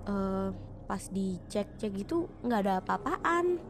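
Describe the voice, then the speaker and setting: A woman's voice: medium pitch, lively intonation, a little slow, noisy background. A young woman, casually telling a ghost story in a chatty, slangy way, full of restarts and fillers. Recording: music playing underneath.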